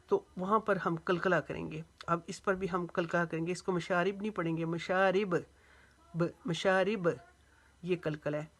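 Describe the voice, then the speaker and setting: A woman with an Urdu accent teaching Quran recitation step by step, drawing each word out slowly and then explaining it briskly. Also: lowish voice.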